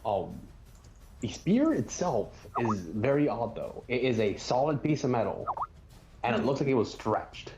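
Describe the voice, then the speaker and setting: A man's voice: mid-range voice, very animated, a little slow, highs cut off, noisy background. A man narrating as game master, describing scenes with frequent ums and restarts.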